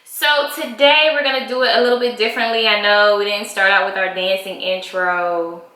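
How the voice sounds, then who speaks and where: A woman talks in a casual chat vlog, her voice bright and forward. She chats loosely, dropping frequent ums. The room around her echoes noticeably. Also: mid-range voice, steady tone, moderate pace. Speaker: co-host of a married-couple channel. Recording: roomy echo.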